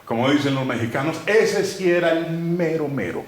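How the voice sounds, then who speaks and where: Preacher guy, lively voice that jumps high then drops way low, really echoey room with some hiss. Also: moderate pace. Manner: dramatic, swings between loud emphasis and low hushed phrases. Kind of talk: sermon. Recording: very echoey room with faint noise.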